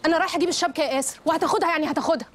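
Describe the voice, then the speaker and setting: A woman's voice: very high voice, rapid-fire, a bit bright. A devoted, insistent young woman. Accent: Egyptian Arabic. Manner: insistent, pleading.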